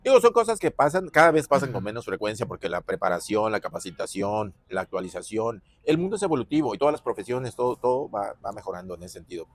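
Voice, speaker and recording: A middle-aged man with a Mexican Spanish accent, a former footballer talking casually in an interview, reflective, with pauses and fillers. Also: fairly low pitch, very animated, dry recording.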